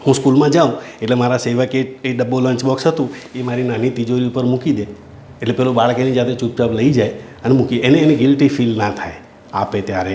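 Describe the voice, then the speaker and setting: Speaking in a warm, medium-pitched voice, a middle-aged Gujarati-accented principal shares a moving story about his school and addresses the audience as sir. The echoey room carries slight background noise.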